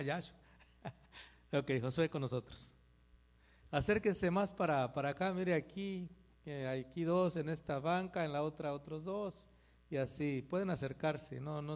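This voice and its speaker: A man leading a church gathering, preaching informally, repeating himself and putting questions to his listeners. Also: on the high side. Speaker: church leader introducing the teacher. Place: live in a church meeting.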